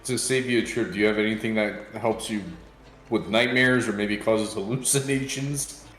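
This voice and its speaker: A man's voice: fairly low pitch, steady tone, moderate pace, fairly bright tone. A man talking in casual slang as a player in a tabletop role-playing game. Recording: roomy echo, faint music.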